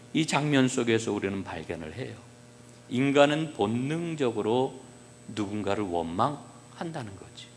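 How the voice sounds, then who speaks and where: Male pastor, sermon, somewhat high voice, rhetorical questions to the congregation, long church-hall reverb. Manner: asks the congregation rhetorical questions, swings between soft and loud emphasis. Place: church sanctuary.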